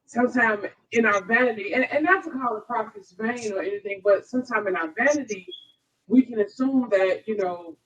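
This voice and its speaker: Picked up from across the table by another person's microphone, this American woman sounds distant and muffled. Her voice is a little high and brisk as she talks conversationally in a casual Bible discussion panel, frequently checking in with the others.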